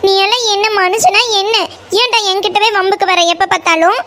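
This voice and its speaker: A shrill, very high-pitched cartoon village girl voiced by a woman with a Coimbatore Tamil accent. She is quick to anger and rattles off insults, and her voice sits far above an ordinary speaking voice. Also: bright, forceful tone, heavily acted. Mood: furious. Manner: scolding, hurls insults. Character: sharp-tongued young village girl, hot-tempered. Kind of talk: cartoon voice acting.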